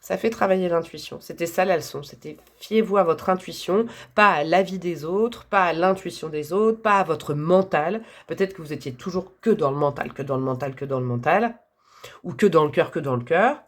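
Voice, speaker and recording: A woman's voice: fairly low pitch, moderate pace. Chatty woman giving a tarot reading. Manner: chatty, enthusiastic, thinks aloud with many fillers. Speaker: tarot reader. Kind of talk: casual tarot reading to camera.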